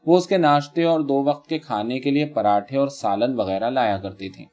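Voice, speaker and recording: Mellow-voiced man reading a literary story. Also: mid-range voice, highs cut off. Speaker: narrator.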